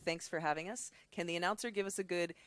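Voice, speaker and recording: A woman's voice: fairly low pitch, steady tone, fast talker, clean tone. A woman with a Californian accent co-hosting a charity stream, chatting casually, laughing often and reading out donations. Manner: giggly, reads out donations. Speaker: stream co-host.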